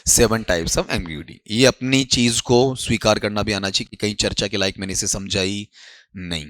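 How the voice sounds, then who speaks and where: A man's voice: lowish voice, moderate pace, fairly bright tone, no room sound, studio quality. A man teaching an exam-prep lesson in Hindi mixed with English, coaxing his students and addressing them fondly as children. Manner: coaxing, addresses students as beta, repeats "theek hai".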